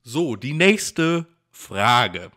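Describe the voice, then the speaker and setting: A man hosts a quiz segment on a casual podcast. His voice is bright and forceful, and he teases the guessers while holding back the answer. He talks in easy, relaxed chat. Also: mid-range voice, very slow. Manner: teasing, withholding answers. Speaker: quiz host.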